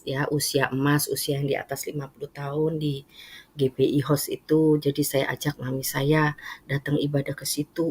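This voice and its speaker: A middle-aged woman giving a personal church testimony in a lively, casual storytelling manner. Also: low voice, breathy edge.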